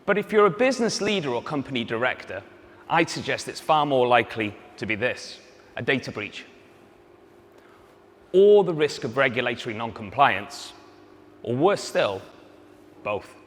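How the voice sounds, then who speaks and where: At a demo day event in an indoor hall, a company's chief executive and co-founder with a North Wales accent delivers a live pitch straight to the audience, using rhetorical questions and wry asides. His medium-pitched, fairly bright voice is animated and moderately paced, with frequent pauses. The hall is echoey and the live event noisy.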